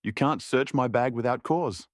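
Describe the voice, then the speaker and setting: A man voicing a young woman passenger who speaks politely and grows frightened, raising his voice high for her. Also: normal speed, dry recording, studio quality, close to an everyday voice. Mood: polite, panicked. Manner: polite, rising to frightened shouts.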